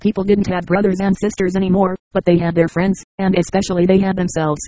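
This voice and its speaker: An audiobook narrator reading in an even, unhurried way. The pitch sits in a middle range and barely moves. The recording is dry and close, with no room sound. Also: no room sound, rough recording. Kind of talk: scripted narration.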